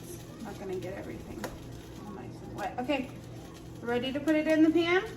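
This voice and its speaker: A woman's voice: high-pitched, lively intonation, fairly quick, echoey room, far from the mic, background noise. A woman vlogging from her home kitchen, talking casually and encouraging a small child through cooking step by step. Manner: slangy, says "like" often. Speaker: mom and wellness vlogger.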